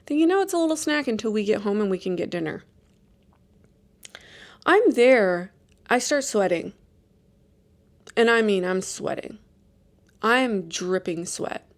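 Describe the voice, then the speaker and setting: A woman's voice: medium pitch, vocal fry. A woman hosting a podcast, telling a rambling, self-deprecating story in a casual chatty way with many restarts. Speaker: podcast host.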